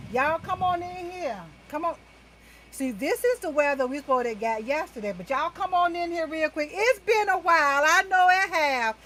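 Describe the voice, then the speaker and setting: Chatty woman with a raised pitch. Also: slight background noise, low-quality recording. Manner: chatty, keeps addressing viewers as y'all. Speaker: talk show host doing a makeup livestream. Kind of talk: casual livestream chat. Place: indoors at home.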